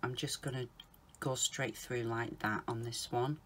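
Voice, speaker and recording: Low, unhurried woman crafting. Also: fairly even intonation, slight background noise. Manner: chatty, often calls viewers guys, mutters softly to herself while working. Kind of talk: casual crafting tutorial.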